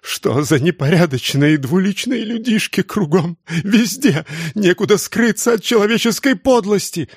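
A man's voice: expressive, normal speed, no echo, studio quality, natural voice. A man voicing a strict, volatile middle-aged female schoolteacher in an audiobook, raising his voice for her. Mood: shrieking. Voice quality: shrill when shouting. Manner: strict teacherly tone. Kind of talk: audiobook reading.

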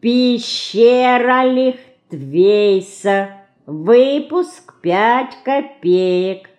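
A woman reading an audiobook, voicing a lively, stubborn little girl who pleads and bosses. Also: a little high, unhurried, voice pushed up. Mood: eager. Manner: eager, pleading, bossy.

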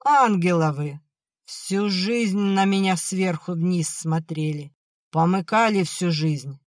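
The audiobook narrator voicing a drunken, bitter old peasant father, raised and slow in delivery, swinging between shouting and tearful self-pity. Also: medium pitch, no echo, clean studio sound, close to an everyday voice. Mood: maudlin, self-pitying. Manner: shouting then maudlin, slurred. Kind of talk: audiobook acting.

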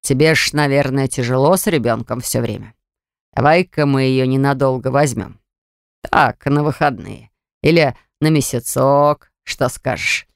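A narrator voicing a pompous, boastful older rich man who talks down to people, in a slow, lowered, gravelly voice. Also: dry recording, clean studio sound. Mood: patronizing. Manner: boastful, patronizing. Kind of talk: audiobook character voice.

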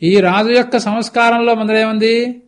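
A man with a notably high voice delivers a spiritual discourse for television. He narrates a scripture story step by step and stops now and then to explain words and add chatty remarks. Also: steady tone, moderate pace. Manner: explanatory storytelling with conversational asides.

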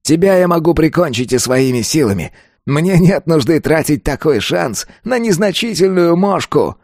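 A man's voice: a little high, sing-song, drawn-out words, fairly bright tone, dry recording, clean studio sound, voice pushed up, full character voice. A man voicing a gloating, vengeful man who roars and cackles, savoring every word. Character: gloating vengeful man gone mad with glee.

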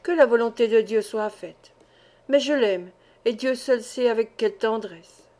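A woman voicing a tender, grave elderly aunt in a storybook reading, solemn and gently reproving. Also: fairly high pitch, unhurried, lightly acted.

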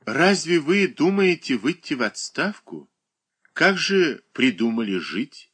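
Calm reserved young woman, read by a man, cool measured delivery, fairly low voice. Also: slightly rough, heavily acted.

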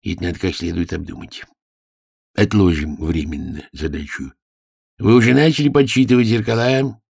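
Guy doing a pompous dim king, low and dry, quiet musing. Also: expressive, normal speed, vocal fry, breathy edge, no room sound, exaggerated voice. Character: pompous, slow-witted king.

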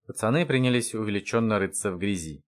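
A man reading a first-person audiobook with a wry, animated delivery. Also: lowish voice, fairly quick. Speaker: audiobook narrator.

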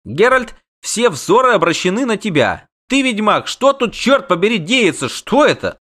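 A man reading the part of a hot-tempered male halfling merchant who shouts and curses indignantly. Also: fairly high pitch, sing-song, normal speed, pitched above the performer's own voice.

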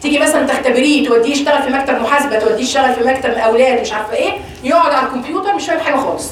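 Fast-talking Egyptian woman, echoey room. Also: sits high, slight background noise. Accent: Egyptian Arabic. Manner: lively, asks the audience questions and answers them herself. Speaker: religious teacher. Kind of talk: religious lesson to women. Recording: echoey room, voice far from the mic.

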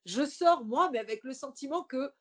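A woman's voice: high voice, moderate pace. A woman comedian telling an anecdote in an interview, acting out the dialogue as she goes. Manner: animated storytelling, acts out quoted dialogue. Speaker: stand-up comedian.

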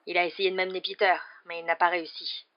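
A woman voicing a gaunt, haunted escaped man with a hoarse voice, in a dull, muffled audiobook recording. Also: fairly low pitch, flat delivery, fast, natural voice. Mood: grim.

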